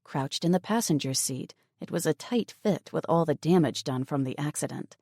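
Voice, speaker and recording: A woman narrating an audiobook novel in an even, measured storytelling manner. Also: sits low, no room sound, studio quality. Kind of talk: scripted narration.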